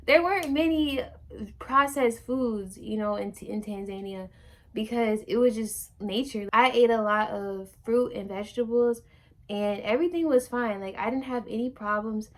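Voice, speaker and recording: A woman's voice: on the high side, normal speed. A young woman and new mother chatting to camera in a loose, rambling way, full of fillers and restarts. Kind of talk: casual chat to camera.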